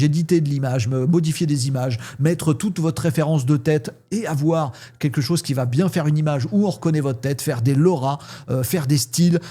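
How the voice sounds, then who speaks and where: A man hosting a casual tech news show, talking in a chatty, lively way with many fillers and asides to his viewers. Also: a little high.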